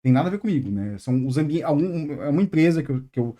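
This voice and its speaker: A Brazilian man hosting a casual advice chat, telling a work story in animated bursts, with many fillers and restarts. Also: a little high, fast. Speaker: channel host.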